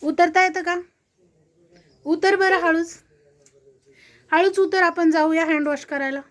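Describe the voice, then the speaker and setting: Woman, very high voice, unhurried, Marathi accent, coaxing baby talk with a toddler, repeats short phrases. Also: steady tone, fairly bright tone. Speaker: parent talking to a toddler.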